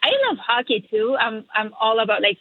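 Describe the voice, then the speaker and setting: Casting: Syria-born woman producer on a phone line, halting and giggly, higher voice. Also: steady tone, breathy edge, no echo. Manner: halting, filler-heavy, giggly. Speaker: radio show producer. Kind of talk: phone-in radio interview.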